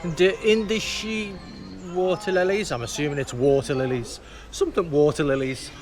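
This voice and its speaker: A vlogger walks outdoors through a theme park, giving casual walk-and-talk commentary as he rambles and muses aloud. His voice is a little high and moderately paced, with music playing behind this outdoor vlog.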